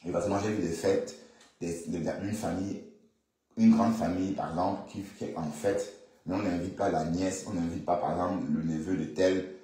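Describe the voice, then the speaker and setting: A man's voice: sits low, steady tone, moderate pace, mellow. A man giving casual, opinionated commentary to viewers, repeating himself and restarting his sentences. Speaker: online commentator. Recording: very echoey room.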